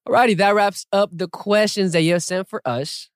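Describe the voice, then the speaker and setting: A young man hosting a podcast in a playful, lively way, reading listener questions and chatting casually. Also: high voice, moderate pace, smooth, no echo, studio quality. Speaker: podcast host.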